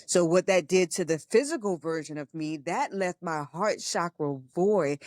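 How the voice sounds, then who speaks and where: A woman's voice: on the low side, lively intonation, normal speed, a little mellow, no room sound, studio quality. A woman co-hosting a spiritual podcast, talking frankly and earnestly, with some swearing and frequent laughter. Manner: frank and profane, laughing often; earnest, teaching tone. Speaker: podcast co-host. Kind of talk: casual spiritual talk.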